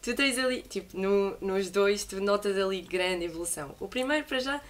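A woman's voice: medium pitch, normal speed. A woman interviewer chats casually about music, thinking aloud in slangy, agreeable phrases full of filler words.

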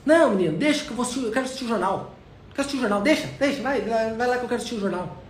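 A man with a Brazilian accent voicing a tired, gruff working father who is short with his son. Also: extremely high pitch, expressive, racing. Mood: irritated. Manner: impatient, shouting at first. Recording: echoey room, faint noise.

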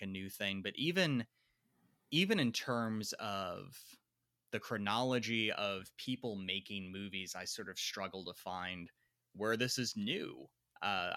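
Jersey guy on a podcast, bright lowish voice, dry close sound, kinda hedgy and repeats himself. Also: smooth, no echo. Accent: New Jersey. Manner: thoughtful, hedging, repeats words while thinking. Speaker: podcast co-host. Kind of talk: casual film discussion.

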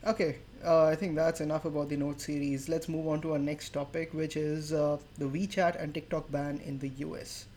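A man speaks in a slightly high voice. He co-hosts a relaxed tech podcast, steering from topic to topic. He jokes and chuckles his way through, over a faint hiss in the background. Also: fairly quick, hardly any pauses. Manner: moves topics along, joking, chuckles mid-sentence. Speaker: podcast co-host. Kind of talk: casual tech podcast chat.

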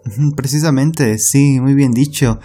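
A man co-hosting a Spanish-learning podcast as a teacher, explaining in a steady, agreeable way. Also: medium pitch, measured pace, slightly rough. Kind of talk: casual podcast conversation.

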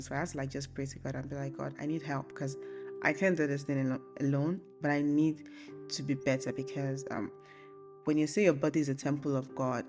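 A young woman hosting a casual faith podcast, chatting informally and thinking aloud in a relaxed, rambling way. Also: very deep voice. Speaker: podcast host. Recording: soft guitar music behind the voice. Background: acoustic guitar music.

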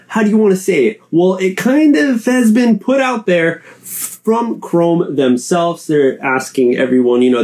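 A man hosting a solo chat show, rambling and casual, repeating words as he goes and swinging his pitch up and down. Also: a little mellow. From Canada. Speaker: podcast host.

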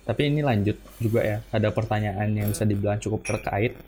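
A young man interviewing a student leader, asking casual questions calmly with many brief acknowledgments. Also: on the low side, brisk, a little hiss or hum.

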